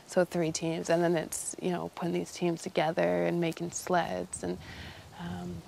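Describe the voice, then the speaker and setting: A woman's voice: fairly low pitch, monotone, unhurried, creaky, darkish tone, a little hiss or hum. A 21-year-old woman from northern Canada with a Canadian accent, speaking informally and loosely in a casual, unscripted interview. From Iqaluit, Nunavut, northern Canada. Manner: informal, loose phrasing with frequent "you know". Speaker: interviewee, young polar expedition member.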